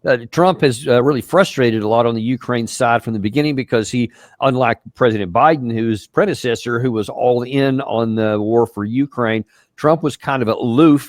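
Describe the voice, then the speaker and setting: Man, host, measured, halting speech, dry sound. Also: mid-range voice, dry recording. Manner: measured, halting with many fillers. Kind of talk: interview host talk.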